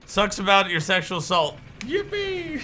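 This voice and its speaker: A young man chats while he plays a game on stream, rambling and joking, with sudden excited yelps. His voice sits fairly high and rings very bright. His pitch swings widely as he talks. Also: normal speed, a little hiss or hum. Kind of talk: casual chat while gaming.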